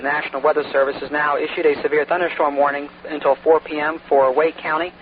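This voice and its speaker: Fast-talking man over crackly two-way radio. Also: a little high. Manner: brisk, procedural, with frequent "uh" fillers. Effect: heard over a two-way radio with static. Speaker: net control operator for a storm-spotter radio net. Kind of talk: amateur radio net procedure, reading weather warnings. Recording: narrow radio transmission with faint static.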